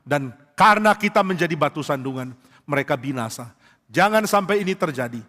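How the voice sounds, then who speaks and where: A male pastor delivers an emphatic sermon, leaning on rhetorical questions and slipping into the voices of the people he quotes. His voice sits fairly high for a man. The sound carries the long reverb of a church hall. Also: lively intonation, brisk, sharp tone.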